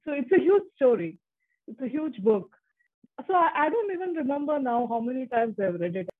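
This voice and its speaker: A woman in her forties whose first language is Tamil chats casually as an interview guest, frequently restarting her sentences. Her voice is high, sing-song and slightly rough, and she talks briskly. The line sounds muffled, like a phone.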